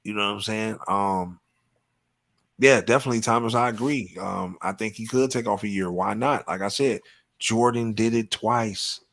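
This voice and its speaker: Low-voiced man hosting live. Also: moderate pace, creaky, a bit bright. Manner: profane, emphatic, repeats "you know what I'm saying". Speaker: podcast host. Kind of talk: casual live-show banter.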